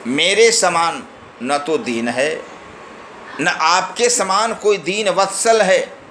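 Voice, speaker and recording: A man's voice: high voice, takes it slowly, a bit bright, roomy sound, slight background noise, rough recording. A man giving a religious discourse, reciting verses and then explaining each one. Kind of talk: scripture discourse.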